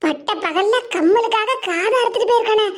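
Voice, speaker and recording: A woman puts on a grieving old village grandmother from a cartoon, who speaks in a piercing, very high voice with a Kanyakumari Tamil accent. She wails and blames herself over and over, fretful and tearful. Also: brisk. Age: over 70 (figure). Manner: lamenting, self-blaming. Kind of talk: animated comedy voice acting.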